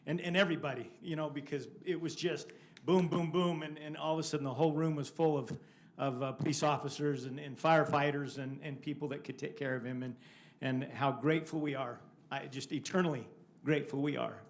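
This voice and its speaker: An older man, a grandfather, giving an emotional thank-you speech at a council meeting, halting and fighting back tears. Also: on the high side, steady tone. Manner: halting, choked up, many restarts. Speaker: grandfather of the child.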